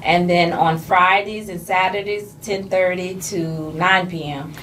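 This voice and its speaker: A woman's voice: on the low side, steady tone, measured pace, fairly bright tone. A woman, a restaurant owner talking easily in an interview. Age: 30s. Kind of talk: casual interview. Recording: slightly distant mic with faint noise.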